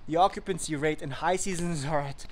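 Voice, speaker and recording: A young property vlogger talks a little fast to the phone he holds at arm's length, standing outside at a sunlit mountain resort. Upbeat and persuasive, he pitches to investors over slight background noise in this enthusiastic selfie sales video.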